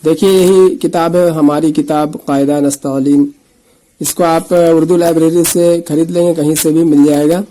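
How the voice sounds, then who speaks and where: A man teaching the Urdu alphabet, patiently repeating letter names slowly and explaining each letter. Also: a little high, fairly even intonation, mellow, rough recording. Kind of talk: slow letter-by-letter reading lesson.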